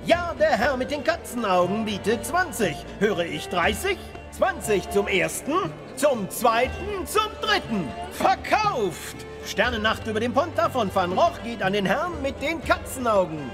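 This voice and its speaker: An actor playing a showy, courteous auctioneer in a fantasy game, calling bids with formal theatrical patter. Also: male voice, very high-pitched, very animated, a little slow, over music, heavily acted. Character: showy, courteous male auctioneer addressing genteel guests.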